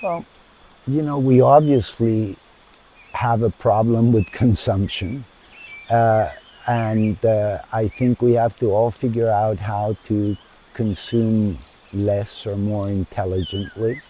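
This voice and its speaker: A man's voice: lowish voice, fairly even intonation, slow pace, mellow, a little hiss or hum, rough recording. A man in his seventies from Chile, the founder of a sustainable community, giving thoughtful interview answers in a garden with frequent hesitations. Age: 70s. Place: outdoors in a garden.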